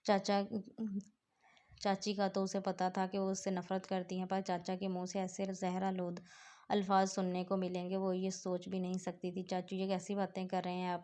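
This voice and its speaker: Woman narrator for a novel reading; mellow, steady, monotone delivery. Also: medium pitch.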